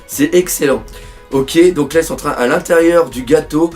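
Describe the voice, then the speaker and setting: A man from France doing live reaction commentary on a manga chapter, excitable, swearing often and reading panels aloud. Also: a little high, normal speed, soft background music.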